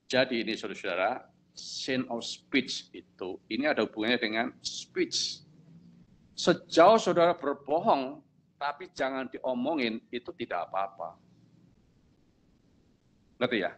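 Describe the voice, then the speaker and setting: Male pastor, sermon delivery, anecdotal and animated, mid-pitched voice, checks in with listeners. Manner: storytelling preacher, acts out dialogue with lively pitch jumps; asks the congregation if they follow.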